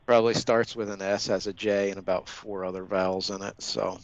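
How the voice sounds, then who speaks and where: A man's voice: on the low side, level tone, a little fast, dry recording. A man giving casual live sports commentary, laid-back with dry humor. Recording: dull lo-fi audio.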